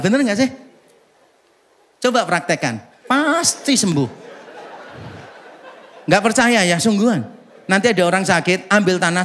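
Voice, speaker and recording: A man preaching a sermon at a church service, with a fairly high voice. He keeps it casual and funny, teasing the congregation and throwing rhetorical questions at them. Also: fairly bright tone. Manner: humorous, conversational, teasing the congregation. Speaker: pastor.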